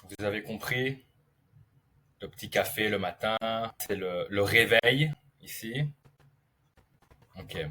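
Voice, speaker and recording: Male tutor, bright and crisp, very slow playful storytelling with lots of repetition. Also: on the low side, a little hiss or hum. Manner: playful, repeats key words slowly, checks understanding. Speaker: language tutor. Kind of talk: slow storytelling lesson for beginners.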